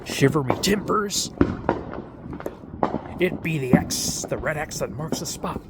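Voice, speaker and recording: A man voicing a swaggering male pirate captain in theatrical, drawn-out pirate talk, with loud fireworks going off outdoors. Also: a little high, animated, heavy background noise, pitched above the performer's own voice. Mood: hammy.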